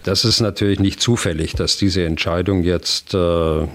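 An older man with a very low voice explains things calmly and methodically. He often pauses and fills the gaps with hesitation sounds, like an expert guest in an interview. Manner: hesitant, many filler sounds, measured. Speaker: retired general, expert guest.

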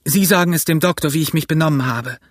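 A man's voice: mid-range voice, steady tone, normal speed, no echo, lightly acted. A young ship's boy speaks out in worked-up defiance, his voice lifted and close to breathless, as a man reads him. The delivery is urgent throughout. It is recorded dry and close for an audiobook. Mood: defiant.

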